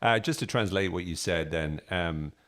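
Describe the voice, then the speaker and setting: A man's voice: sits low, normal speed, fairly bright tone. A man hosting a casual podcast chat with a teasing, dryly humorous manner. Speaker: podcast host.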